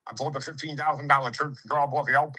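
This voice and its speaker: A man's voice: fairly high pitch, fairly even intonation, fast talker, bright, forceful tone, low-quality recording. A brash man, a home improvement contractor lecturing in casual, streetwise talk with swearing and acted-out quotes. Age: 50s. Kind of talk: casual sales conversation.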